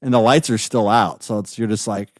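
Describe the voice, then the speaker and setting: A man's voice: lowish voice, steady tone, fairly quick, dry recording, clean studio sound. A man co-hosting a film podcast in casual chat, easygoing and full of "like" and "you know". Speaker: podcast co-host.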